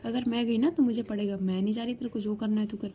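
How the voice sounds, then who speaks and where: A sassy young friend brushing things off with sarcasm, as a woman narrator plays her. Her voice runs fairly high and mellow, told as a spoken storybook over faint hiss. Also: fairly even intonation, quick pace, close to an everyday voice. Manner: sarcastic, refusing.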